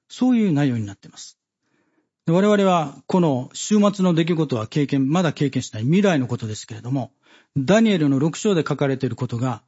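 A man giving a Bible study sermon, measured and halting with many fillers, reading scripture passages aloud. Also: on the high side, dark tone, slightly rough, lo-fi sound. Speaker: preacher.

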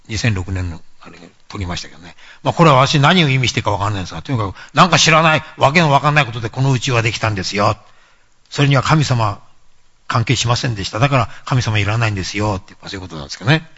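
A man giving a sermon lecture, emphatic, with frequent pauses and asides. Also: mid-range voice, a bit bright, breathy edge, lo-fi sound. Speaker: preacher.

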